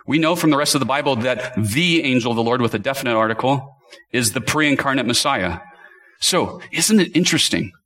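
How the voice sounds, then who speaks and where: A man's voice: mid-range voice, animated, fairly quick, sharp tone. A man preaching a sermon, reading scripture aloud and building to rhetorical questions with emphatic delivery.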